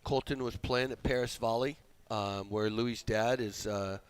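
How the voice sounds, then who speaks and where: A middle-aged man, a volleyball head coach, talking in a measured, reflective way with frequent ums and uhs in a casual interview. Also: mid-range voice, steady tone, clean tone. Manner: measured, reflective, many fillers. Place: restaurant livestream.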